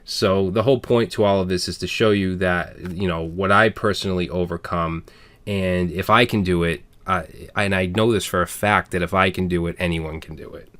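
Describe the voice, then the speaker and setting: This Boston-accented host of a programming channel, a man in his thirties, talks frankly and personally with his audience, peppering his speech with "um" and "all right." His voice is low and fairly bright, with fairly even intonation at a normal speed.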